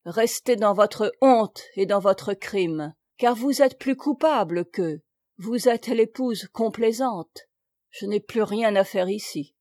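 A woman's voice: on the high side, expressive, moderate pace, mellow, no room sound, clean studio sound. A woman voicing a furious, preachy country priest. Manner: fierce, scolding and preachy.

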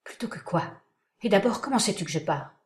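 A woman reading aloud voices a brooding man with a clipped, cutting, hushed delivery. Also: mid-range voice, animated, a little fast, natural voice. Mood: curt. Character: brooding man, curt and bitter. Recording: roomy echoing room.

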